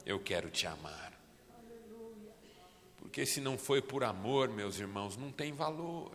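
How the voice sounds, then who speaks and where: A Brazilian man preaching a fervent sermon as pastor, building to near-shouts, in a church. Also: mid-range voice, lively intonation, measured pace, big-room sound. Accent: Brazilian Portuguese.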